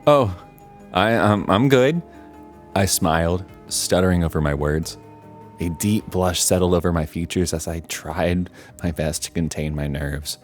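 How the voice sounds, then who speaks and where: A man's voice: deep voice, steady tone, normal speed, darkish tone, faint music behind. A man narrating a horror story in a wry, self-deprecating storytelling manner.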